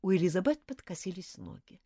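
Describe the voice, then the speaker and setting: A woman narrating an audiobook in an expressive storytelling manner. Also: fairly low pitch, brisk, creaky, breathy edge, no echo, clean studio sound.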